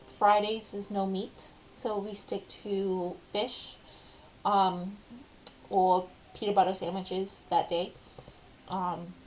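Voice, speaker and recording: Young woman vlogger with a speech impediment, slow and halting, faint room noise. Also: medium pitch, a little mellow, poor audio. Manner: slow, halting, with many ums. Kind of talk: casual personal update.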